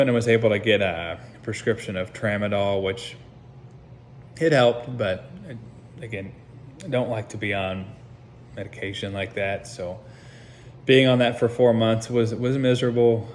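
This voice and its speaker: An American man recording a casual update as a patient just out of surgery, talking in a subdued, halting, hesitant way as he pieces things together. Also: fairly low pitch. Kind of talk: casual personal vlog. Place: seated at home, talking to camera. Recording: noticeable background noise.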